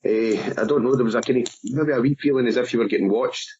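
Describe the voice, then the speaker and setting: A man's voice: mid-range voice, quick pace, a little mellow, husky. A man with a Scottish accent, a podcast guest talking hesitantly and unsurely, trailing off as he goes. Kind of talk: casual call-in chat. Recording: muffled lo-fi remote audio.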